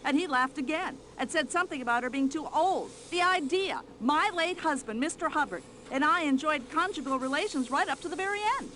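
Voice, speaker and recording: A bossy older American widow, her voice high and bright as it swings up and down through every complaint. She talks loudly with a sharp tongue, nosy and easily offended, in a game mystery. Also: animated, brisk, few pauses, slight background noise. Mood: gossipy. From United States. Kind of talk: video game voice acting.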